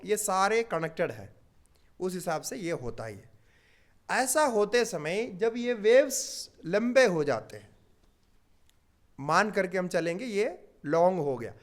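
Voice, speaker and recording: An older man teaching yoga philosophy, explaining patiently with everyday examples and pausing on drawn-out fillers. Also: high voice, a bit bright. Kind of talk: spiritual teaching talk.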